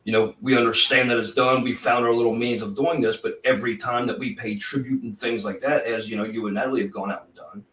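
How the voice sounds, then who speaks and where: A retired police officer talking in a casual podcast conversation, intense and profane, rambling with many fillers. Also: male voice, medium pitch, steady tone, quick pace, hardly any pauses, a bit bright. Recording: roomy, distant from the mic.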